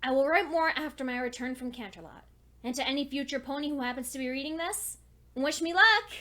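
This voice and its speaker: A woman acts out a high-pitched young female pony scholar narrating a cartoon fan story as a personal log, in a dramatic first-person fan fiction reading. Animated, fairly quick and sharp in tone, she is earnest and precise but fretful and anxious as she struggles to keep her thoughts in order. Her mood shifts from forced calm to anxious hope.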